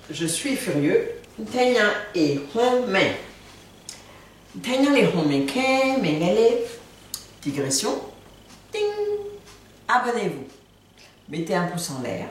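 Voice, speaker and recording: Echoey, lively-voiced woman teaching a language. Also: mid-range voice. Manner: playful, repeats words for learners. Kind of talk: casual video lesson. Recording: very echoey room, far from mic.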